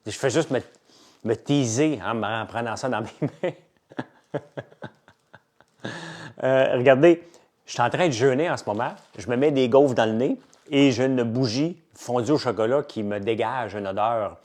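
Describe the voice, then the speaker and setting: A middle-aged man with a Québécois French accent, casually chatting with viewers on a live stream and enthusiastically pitching his products. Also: normal speed. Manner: chatty, enthusiastic salesman, lively and animated. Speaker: entrepreneur hosting a live chat.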